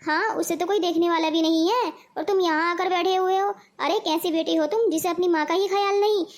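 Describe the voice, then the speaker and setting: A woman's voice: extremely high pitch, fairly even intonation, brisk. A woman voicing a scolding, preachy middle-aged mother in a cartoon. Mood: lecturing. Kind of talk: cartoon voice acting.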